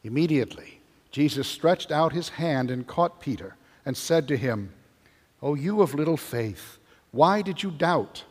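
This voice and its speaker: A man serving as priest, reading the gospel and preaching in a measured, earnest way, with his voice ringing in a large church. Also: on the high side, lively intonation, breathy edge. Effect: cathedral echo. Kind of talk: gospel reading and homily at Mass. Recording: long cathedral reverb.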